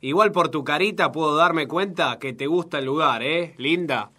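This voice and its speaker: A man's voice: on the high side, normal speed, pushed and bright. A man with an Argentine Spanish accent playing a leering, sexist factory boss who talks down to a worker in a comic audio sketch. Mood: oily. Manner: patronizing, oily sweet-talk with veiled threats.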